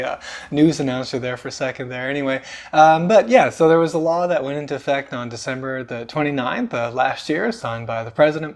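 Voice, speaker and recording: A man at a mid pitch hosts a personal finance video, talking casually to his viewers. He keeps things loose and chatty, hedging with little asides as he explains. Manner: relaxed and conversational, with many fillers and self-aware asides. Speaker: personal finance channel host.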